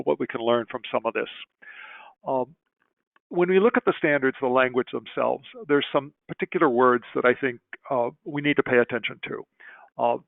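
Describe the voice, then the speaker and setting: A man giving a remote lecture over slides at a conference, measured and thinking aloud with frequent pauses. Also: medium pitch, vocal fry, dry recording. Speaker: presenter at a conference on historic building standards. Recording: dry, phone-like remote audio.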